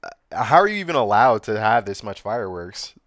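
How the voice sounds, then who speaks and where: A man's voice: fairly low pitch, very animated, a little fast, fairly bright tone, no echo, clean studio sound. A young man commentating casually on a livestream while reacting to news clips, loose, slangy and sarcastic, laughing at his own jokes.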